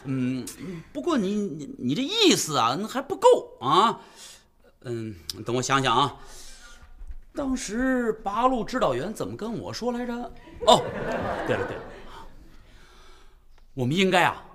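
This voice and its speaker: An actor playing a jovial soldier who coaches his comrades in shouting slogans, chuckling and coaxing as he talks. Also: high voice, huge pitch swings, unhurried, long pauses, heavily acted. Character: jovial male puppet-army soldier teaching slogans. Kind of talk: radio drama acting.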